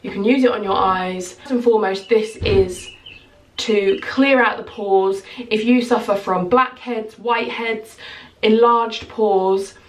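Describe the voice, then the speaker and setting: This casual vlog features a chatty skincare consultant in her thirties, using her hands as she talks to camera indoors in a small bedroom at home. She has a medium-pitched voice, a little nasal from a cold, and the slightly distant mic adds roomy echo plus a little hiss or hum.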